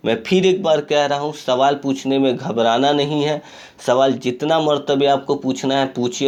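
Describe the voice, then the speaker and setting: A man teaching an English grammar lesson in a recorded online class, reading examples slowly and acting out rising and falling tones. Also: medium pitch, a little mellow. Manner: reads English examples slowly and demonstrates question-tag intonation; encouraging, repeats "ठीक है" often. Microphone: phone screen recording.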